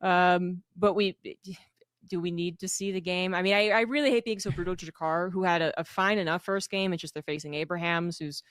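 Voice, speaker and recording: A woman's voice: lowish voice, fairly even intonation, fairly bright tone, clean tone, no echo, studio quality. Chatty American woman casting esports. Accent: General American. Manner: chatty, quick and playful. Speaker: esports caster. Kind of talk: live esports commentary. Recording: noisy broadcast mix.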